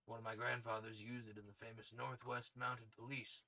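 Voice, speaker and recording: A man voicing a gruff, hard-bitten space adventurer in a throat-straining, gravelly snake voice, reading storybook dialogue. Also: medium pitch, little pitch movement, moderate pace, pushed and bright. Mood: musing. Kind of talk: dramatic audiobook character reading.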